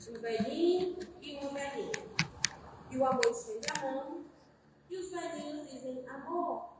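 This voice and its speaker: A woman giving a spiritist talk, telling a parable expressively and addressing listeners as brothers. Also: sits high. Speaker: spiritist speaker. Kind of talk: sermon with parable storytelling. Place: spiritist center hall. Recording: echoey hall, distant mic, noise.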